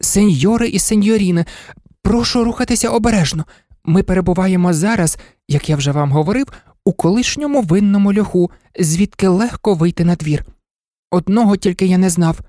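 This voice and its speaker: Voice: medium pitch, brisk, warm tone, no echo, clean studio sound, lightly acted. A narrator voicing a small, clever rag toy dog who pleads earnestly in a storybook. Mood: explaining. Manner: earnest, imploring.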